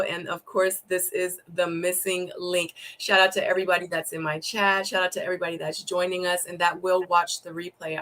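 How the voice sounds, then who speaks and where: A woman's voice: mid-range voice, fairly bright tone. A woman hosting her online talk show, upbeat and chatty, often saying "you know what I mean". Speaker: host.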